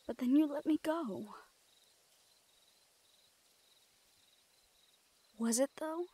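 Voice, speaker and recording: A woman with a voice on the high side and a breathy edge plays a guarded yet tender young thief in an intimate roleplay audio drama. She speaks in a hushed, hesitant way, sounding sincere and trusting.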